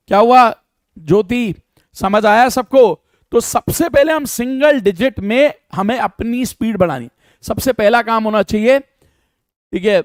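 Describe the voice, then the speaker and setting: Brisk man teaching math. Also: high-pitched, no echo, clean studio sound. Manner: brisk, drills sums aloud and urges speed; answers chat questions from students. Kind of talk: live online math class.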